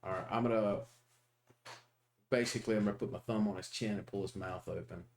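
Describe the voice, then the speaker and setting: Laid-back low-voiced man playing a tabletop game. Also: fairly even intonation, creaky, a little hiss or hum. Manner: halting, laughs often, many fillers. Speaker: player.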